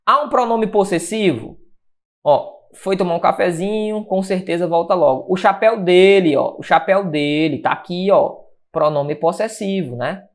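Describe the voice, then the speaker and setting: A man teaching an exam-prep grammar lesson, energetic, asking and answering his own questions. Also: high-pitched, normal speed. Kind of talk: lively exam-prep lecture.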